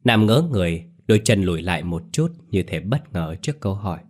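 Male ghost story narrator, very deep voice, measured and solemn. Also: animated.

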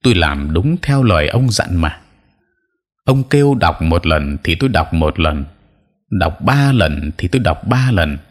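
Audio story role: a man playing a composed exorcist master, deep and steady, coolly mocking. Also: a little slow, heavily acted. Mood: cool, stern. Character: calm, stern middle-aged male master exorcist.

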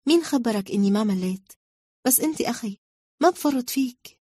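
A woman voicing a fiery young woman and loyal friend who scolds and bickers in quick banter. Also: fairly high pitch, animated, mellow, breathy edge, no echo, studio quality, voice pushed up. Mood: scolding.

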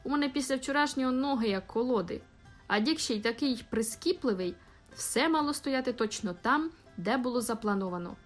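A woman puts on a chatty, grumbling young man from a storybook, piling up complaints with a lively, exaggerated delivery. His voice sits fairly high, with faint music behind. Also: fairly quick, lightly acted.

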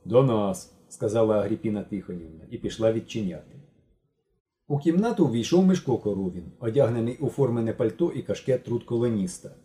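A man narrating a novel as an audiobook reader, with expressive storytelling. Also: lowish voice, a little fast. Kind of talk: scripted narration.

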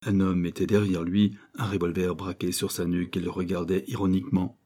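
A male narrator reading a crime novel aloud, measured and dramatic. His voice is low, dark and mellow, with a husky grain. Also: little pitch movement. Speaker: audiobook narrator.

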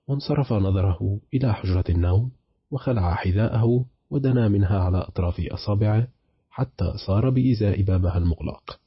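Very deep, husky male audiobook narrator. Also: no echo, dull audio. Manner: measured, dramatic storytelling.

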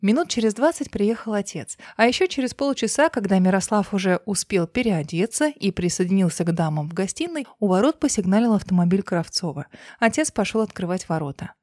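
A woman narrating an audiobook with a steady, expressive reading. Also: mid-range voice, a little fast, no echo, studio quality.

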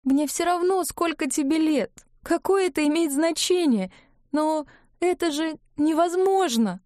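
A woman reading as an anxious young witch, high and strained, her voice climbing far above a narrator's usual pitch. She sounds shrill and pleading, in a dark, mellow storybook tone with a dry, close sound. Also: measured pace, no echo.

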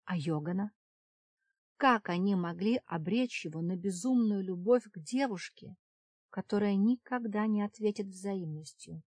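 A woman reading a first-person fantasy novel aloud as an audiobook narrator, in a calm, even storytelling manner. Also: mid-range voice, normal speed, dry recording.

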